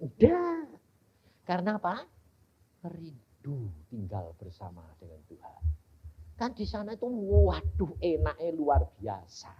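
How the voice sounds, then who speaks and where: An older man preaches with a husky voice. His pitch climbs and falls dramatically as he moves from exclaiming to murmuring. The recording sounds dull and lo-fi. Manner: animated storytelling, swinging between loud exclaiming and quiet murmuring. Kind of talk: sermon.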